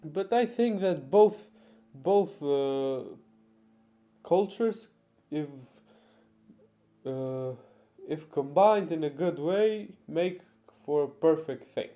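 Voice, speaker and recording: A teenage boy vlogging casually, halting with fillers and restarts. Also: fairly high pitch, animated, dark tone. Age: teens. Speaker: car vlogger. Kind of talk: casual vlog talk.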